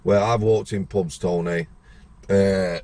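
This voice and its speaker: A middle-aged man with a Yorkshire accent hosting a podcast, chatty and quick to cut in with his own stories. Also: sits low, fairly even intonation, warm tone. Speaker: podcast host. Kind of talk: casual interview chat.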